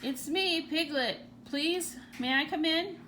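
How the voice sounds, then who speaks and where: A woman's voice: sits high, slow pace, sharp tone, a little hiss or hum, pitched above the performer's own voice, full character voice. A woman voicing a small, timid male piglet from a storybook, fretful and anxious. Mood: pleading. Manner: fretful, stammering.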